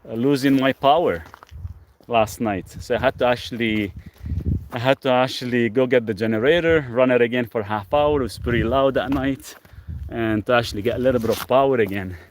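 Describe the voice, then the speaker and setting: A man's voice: medium pitch, brisk, a little hiss or hum. A man from Lebanon chatting casually on an outdoor live stream, reading viewer comments aloud and answering them. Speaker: livestream host. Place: outdoors on rural off-grid land. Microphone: phone camera.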